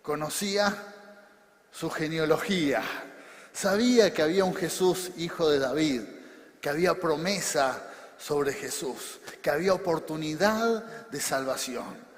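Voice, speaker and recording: High-voiced Rioplatense pastor preaching. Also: male voice, unhurried. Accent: Rioplatense Spanish. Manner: preaching with bursts of shouting and soft drops. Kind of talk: sermon. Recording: long hall reverb.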